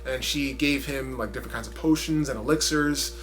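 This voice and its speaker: A man giving a casual, rambling spoken film review, often restarting his sentences and swinging from loud to quiet. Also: medium pitch, brisk, a little hiss or hum. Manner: rambling, frequent restarts, animated swings in loudness. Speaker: movie reviewer.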